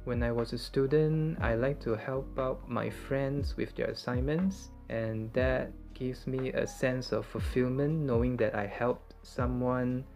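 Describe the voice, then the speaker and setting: A man in his twenties from Malaysia, an art tutor, speaking calmly to camera. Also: mid-range voice, measured pace, few pauses, soft background music. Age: 20s. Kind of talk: direct-to-camera interview answers. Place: indoor room, plain wall.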